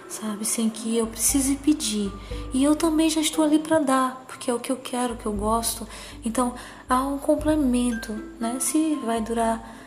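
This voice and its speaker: Casting: woman, higher-pitched cutesy soft voice, slow and gentle personal monologue, music underneath. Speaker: psychologist.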